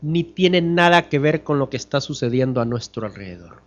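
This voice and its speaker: A man preaching a sermon as pastor, asking the congregation questions and swinging from loud emphatic lines to hushed ones. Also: medium pitch, animated, normal speed, highs cut off. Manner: addresses the congregation as brothers.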